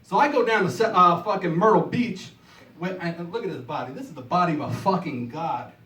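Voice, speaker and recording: A man's voice: sits high, brisk, a bit bright. A male stand-up comedian from New Jersey telling crude, profane stories at a small club. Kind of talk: stand-up routine. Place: small club or coffeehouse stage. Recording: echoey room, mic heard from a distance.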